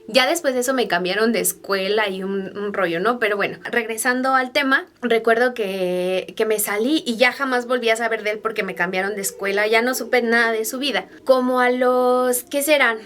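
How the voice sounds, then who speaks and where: A woman's voice: fairly high pitch, fairly bright tone. A young woman telling personal stories to camera in a chatty way, full of fillers and asides to her viewers. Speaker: vlogger.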